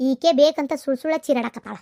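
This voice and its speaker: Woman voicing a shrill grumbling old village woman. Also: fast, vocal fry, mellow. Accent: North Karnataka Kannada. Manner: scolding, complaining.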